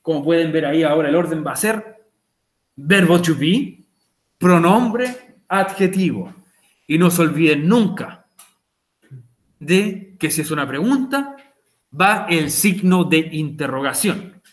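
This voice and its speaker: A man's voice: a little high, lively intonation, moderate pace. A man with a Chilean accent teaching an online English class. He explains patiently, repeats the key points and chats with his students over a video call.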